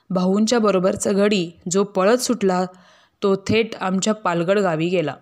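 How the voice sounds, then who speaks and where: Woman reading a story aloud. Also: mid-range voice. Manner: measured, steady reading of a tale. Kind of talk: scripted narration.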